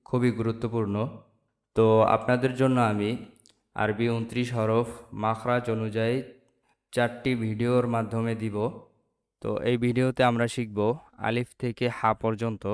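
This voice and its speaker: A man from Bangladesh teaching the Arabic letters in a slow lesson, saying each sound and repeating it for viewers. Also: mid-range voice. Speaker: Quran teacher. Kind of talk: slow step-by-step alphabet lesson.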